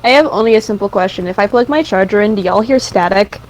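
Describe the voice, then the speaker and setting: A young woman playing a tabletop game over a voice call, giggly and expressive, with faint static and echo on her line. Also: medium pitch, fast talker. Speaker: player. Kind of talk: casual chat over voice chat. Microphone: headphones on a voice call.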